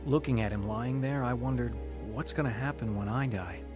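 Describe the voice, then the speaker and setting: The lead actor and narrator of this radio drama voices a searching, troubled young man recounting his own story with earnestness. Lightly acted, his delivery is medium in pitch and normal in speed, its mood somber and reflective, with music underneath.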